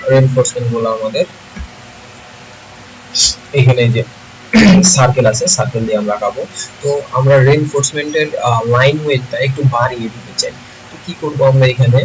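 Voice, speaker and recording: A man, teaching software in a screen-recorded tutorial, thinking aloud and often checking that listeners follow. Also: medium pitch. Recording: noisy home recording.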